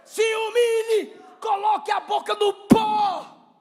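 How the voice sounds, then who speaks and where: A man with a Brazilian Portuguese accent preaching a sermon, swinging from hushed storytelling to shouted preaching. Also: very high voice, little pitch movement, takes it slowly, some chatter behind. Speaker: pastor.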